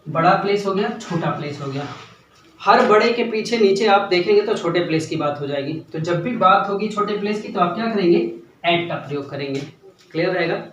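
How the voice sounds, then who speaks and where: A young man with a high, somewhat bright voice teaches a grammar lesson a little fast, repeating key points and often checking that students are following. The sound is lo-fi with slight hiss or hum, captured by a distant mic in an echoey room.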